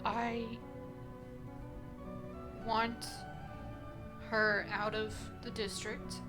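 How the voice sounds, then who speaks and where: A woman plays a tabletop role-playing game, speaking slowly and deliberately. Her voice is fairly high, and music plays clearly behind her. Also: flat delivery. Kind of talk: in-character tabletop role-play.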